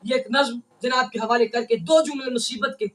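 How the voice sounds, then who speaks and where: Very high-voiced man declaiming a sermon. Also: steady tone. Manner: declaiming, rising into shouts. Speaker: zakir reciting a majlis. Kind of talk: religious oration with recited poetry. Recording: echoey hall from far off.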